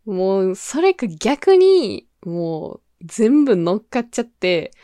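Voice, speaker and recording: A young woman in her twenties speaks with a Kansai accent in an animated, bouncy voice that swings high and low. She hosts a relaxed solo radio chat, often laughing and playing out little scenes of her own. The sound is dry and close, with no room around it. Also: slow pace, no echo. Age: 20s. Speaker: radio show host. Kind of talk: casual solo talk.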